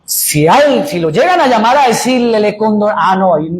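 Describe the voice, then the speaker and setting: A man's voice: high-pitched, expressive, normal speed. A man with a Colombian accent, a pastor preaching a sermon who keeps asking his congregation questions and answering them himself. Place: church sanctuary. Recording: echoey church room.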